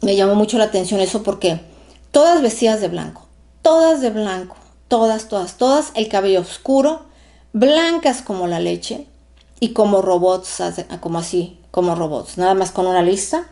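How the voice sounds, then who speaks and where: A woman hosts her own online show and shares a personal experience directly with her audience. She talks in an animated, emphatic way. She doubles up her words and keeps checking in with "¿no?". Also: medium pitch, moderate pace. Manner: animated, emphatic, tags phrases with "¿no?"; repeats words when excited. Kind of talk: personal storytelling to viewers.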